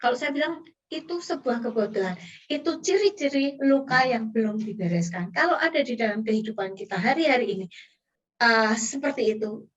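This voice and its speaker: A woman's voice: fairly high pitch, animated, fairly quick, muffled recording. A woman pastor preaching a sermon, sharing an earnest personal testimony to her congregation. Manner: emotional, earnest, addresses congregation directly. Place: church service. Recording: distant from the mic.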